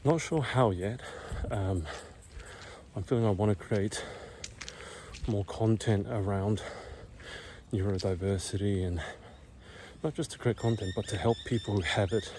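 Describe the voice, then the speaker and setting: Whispering quietly and winded, a middle-aged man climbs a hill in a quiet neighborhood while narrating a laid-back vlog. The lowish voice keeps a measured pace and pauses often, and there's slight background noise.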